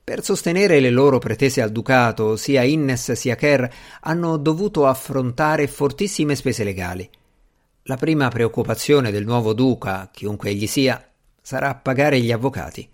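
A languid, aloof gentleman, read by a man in an audiobook, sounding bored and dismissive. The voice sits at a middle pitch and stays close to the reader's own. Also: animated, moderate pace, lightly acted. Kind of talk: audiobook character reading.

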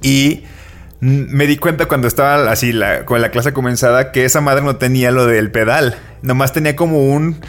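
A man's voice: medium pitch, moderate pace. A man with a Mexican accent, co-hosting a podcast, telling a long story casually with slang and restarts. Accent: Mexican Spanish. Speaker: podcast co-host. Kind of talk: casual chat.

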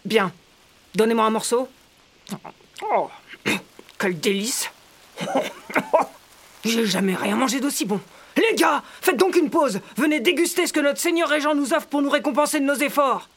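A man plays a thin, weary guard chief who trusts no one. His voice is pushed higher and louder than plain speech, short and brusque. Told as a storybook scene. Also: moderate pace, pauses often, full character voice. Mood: delighted. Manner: brusque and distrustful. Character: gruff suspicious male guard chief, thin and worn. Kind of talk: storybook voice acting.

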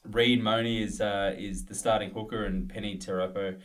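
A man's voice: lowish voice, fairly even intonation, normal speed. A male podcast co-host in casual sports chat, rambling through team news with plenty of fillers.

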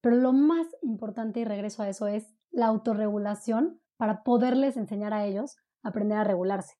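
A woman's voice: medium pitch, fairly quick, dull audio. A woman, a parenting coach speaking conversationally, explaining and often adding "¿no?". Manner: warm explanatory, frequent "¿no?" tags. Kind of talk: conversational interview.

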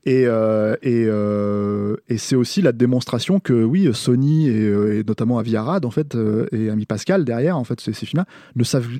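Mellow-voiced man reviewing films, halting. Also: medium pitch, dry recording, clean studio sound. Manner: halting, frequent restarts and hesitations. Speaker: film critic on a podcast. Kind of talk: casual review discussion.

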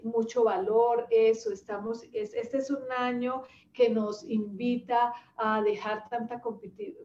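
Woman, fifties, reflective personal talk, hesitant, mellow, roomy and muffled sound. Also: medium pitch, slight background noise. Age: 50s. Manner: unhurried, reflective, with many hesitations. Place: rural home with animals nearby.

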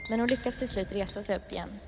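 A woman improvising a horror story, narrating scenes in a steady, descriptive way. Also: medium pitch, gravelly, long reverb tail, background noise.

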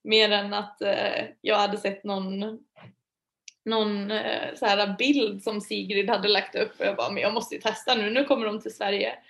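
A woman guest telling a personal story in a lively, chatty way, laughing often and using many fillers. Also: mid-range voice, vocal fry. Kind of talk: casual storytelling.

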